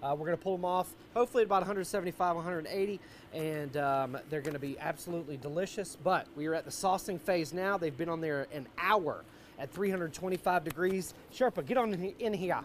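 A man's voice: fairly high pitch, a little fast. A middle-aged American man hosting a live outdoor cooking show with jolly, hearty, folksy banter. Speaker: host, barbecue cook. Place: outdoor wooden deck. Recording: faint outdoor background noise.

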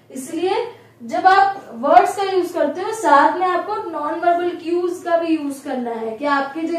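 A woman lecturer with a high voice explains each point patiently, often pausing to check the class is following. She sounds set back from the microphone, and the bare room gives her words a strong echo. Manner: explanatory, mixes English terms, frequent "ठीक है" check-ins. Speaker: psychology lecturer. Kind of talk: recorded classroom lesson. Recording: very echoey room, voice from a distance.

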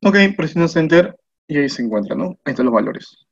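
A man's voice: a little high, expressive, fast talker, vocal fry, a little mellow, slightly rough. Peruvian man explaining spreadsheets step by step. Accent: Peruvian Spanish. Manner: patient step-by-step explaining, asks "¿no?" and "mira" often. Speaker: spreadsheet instructor. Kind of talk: screen-recorded software tutorial. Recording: muffled lo-fi voice recording.

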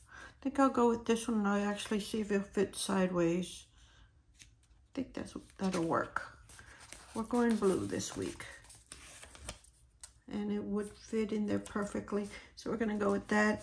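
Hoarse woman, slow, quiet near-whisper, gravelly, casual planner chat. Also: mid-range voice, a little hiss or hum. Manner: quiet, near-whispered, talks while sorting stickers. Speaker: planner vlogger. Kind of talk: soft-spoken planner decorating chat.

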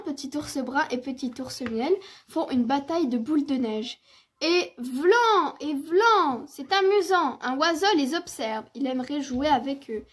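A woman reading a picture book aloud for children, clear and expressive, as the storyteller. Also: sits high.

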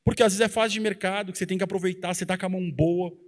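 A man's voice: sits high, fairly even intonation, racing. A man in his thirties speaking bluntly and pushily to a conference crowd through a handheld mic. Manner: blunt, pushy, colloquial. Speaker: trader and co-presenter. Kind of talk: motivational talk on stage. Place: large conference hall with audience.

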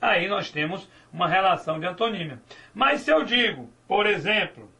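A man's voice: high voice, very animated, normal speed, gravelly, pushed and bright. A male teacher giving a grammar lecture, asking and answering his own questions and drawing out key words. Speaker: Portuguese teacher.

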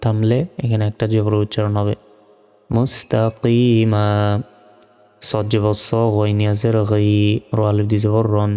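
Calm low-voiced man teaching Quran reading. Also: clean tone, big-room sound, faint music behind. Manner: spells out letters and vowel marks slowly, then reads the word drawn out. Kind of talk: step-by-step spelling lesson.

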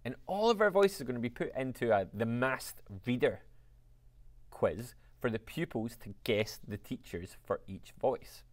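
A male music teacher runs through a software tutorial at a moderate pace, upbeat and chatty. His pitch moves in a lively, animated way as he speaks directly to viewers about each step.

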